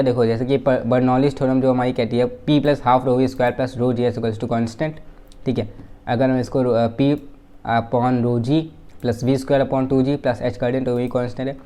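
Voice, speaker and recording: Man, young adult, Indian English accent, physics tutor, warm mellow voice, step-by-step explaining. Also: medium pitch. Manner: explains step by step, asks questions then answers them. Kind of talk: whiteboard physics lesson.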